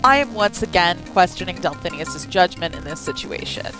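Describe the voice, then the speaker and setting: Sleep-deprived young woman, animated game commentary. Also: fairly low pitch, moderate pace, poor audio. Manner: wry, playful asides. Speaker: game streamer. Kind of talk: casual game commentary with reading aloud. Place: indoor room. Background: game music.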